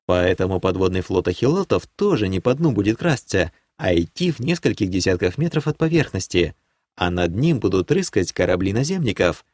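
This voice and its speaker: A man voicing a haughty, scheming noblewoman who leads a clan in an audiobook; he raises his voice to play her, and she talks in a sweetly condescending way that turns sharp. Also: low-pitched, big pitch swings, brisk, no echo, clean studio sound. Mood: explaining. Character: haughty scheming female baroness, clan leader.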